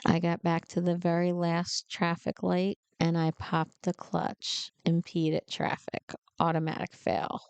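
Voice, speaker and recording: Woman from New Jersey, truck driver, lower-pitched, gravelly and smooth, lively personal storyteller. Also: measured pace, no echo. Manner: animated, emotional storytelling.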